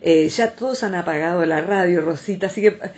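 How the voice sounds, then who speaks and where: A woman's voice: on the low side, a little fast, darkish tone. A woman speaks animatedly on a radio show, acting out the voices she quotes. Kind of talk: expressive radio talk.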